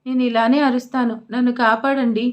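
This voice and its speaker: A woman's voice: a little high, level tone, a little fast, natural voice. A woman voicing a panicky young male assistant who pleads comically for help in an audio story.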